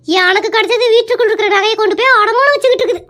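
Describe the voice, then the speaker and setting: A woman's voice: extremely high pitch, racing, fairly bright tone. A woman performing a nagging, sarcastic wife in a comedy sketch. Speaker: comic sketch actor playing a wife.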